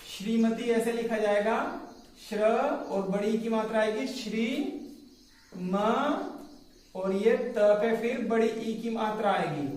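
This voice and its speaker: A man teaching a spelling lesson, reading out dictation words slowly and breaking each one down letter by letter. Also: high-pitched. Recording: very echoey room, voice far from the mic.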